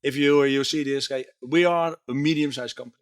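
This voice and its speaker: Male tech executive, middle pitch, strained voice, earnest, lots of uh fillers. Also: fairly even intonation, a little fast, smooth. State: strained voice from talking all day. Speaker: company technology chief. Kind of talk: conversational interview. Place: trade show floor.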